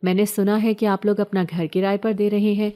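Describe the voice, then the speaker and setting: A polite, insistent young man, voiced by a woman reader in an everyday tone. The voice is warm and mellow, a storybook stranger. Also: medium pitch, flat delivery, natural voice.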